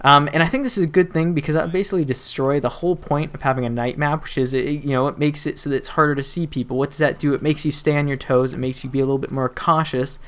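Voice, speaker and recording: A man's voice: fairly high pitch, fairly even intonation, fast talker, hardly any pauses, fairly bright tone. A young man, talking casually over his gameplay footage as a gaming YouTuber, rambling with plenty of fillers and joking asides. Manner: rambling and chatty, with frequent fillers and restarts and playful asides.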